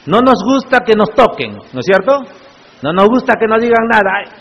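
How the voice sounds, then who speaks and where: A man's voice: high-pitched, sing-song, moderate pace, fairly bright tone. A male pastor preaching a sermon in church, often putting rhetorical questions to the congregation. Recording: echoey church hall, muffled lo-fi sound.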